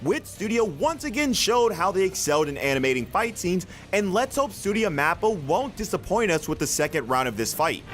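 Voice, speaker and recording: A man's voice: high-pitched, big pitch swings, brisk, few pauses, over music. A man reading scripted countdown narration for a video list.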